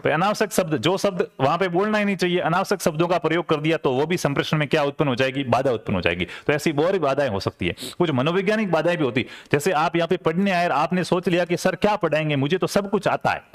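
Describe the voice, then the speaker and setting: A man's voice: a little high, animated, fast talker, few pauses. A man, teaching an exam-prep lecture conversationally and repeating key terms with rhetorical check-ins. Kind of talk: classroom lecture.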